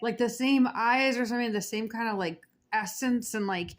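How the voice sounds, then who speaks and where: A woman's voice: on the high side, moderate pace, slight background noise. A woman in casual chat who speaks hesitantly, leans on fillers and agrees easily.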